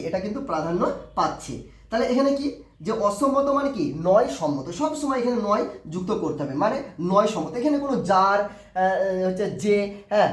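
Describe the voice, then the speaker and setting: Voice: mid-range voice, a little mellow, echoey room. A teacher giving a grammar lesson, often asking a question and answering it, repeating the key words.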